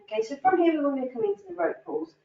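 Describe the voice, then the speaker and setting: A woman's voice: very high-pitched, expressive, quick pace, creaky. Upbeat woman leading an exercise class. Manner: upbeat, encouraging, counting reps. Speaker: fitness instructor. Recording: roomy, distant, dull sound.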